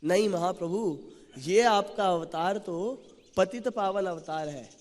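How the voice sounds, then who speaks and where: A man taking on the part of a gentle, saintly man who begs softly and slowly for mercy, his voice lifting high. It rings out with a long echo through a wide hall. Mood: pleading. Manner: slow, earnest pleading. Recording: long reverb of a large hall.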